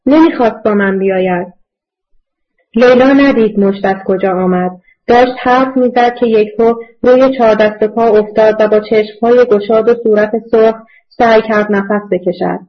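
A woman reading a novel aloud as narrator in a measured, subdued way, on a dull lo-fi recording. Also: on the high side. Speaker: audiobook narrator. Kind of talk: scripted narration.

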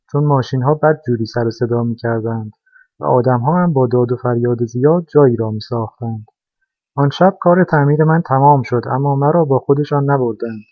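A man voicing a large, weary truck that tells its story in a slow, thoughtful way, as a storybook character. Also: medium pitch, dry recording, lightly acted. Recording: dry, dull lo-fi recording.

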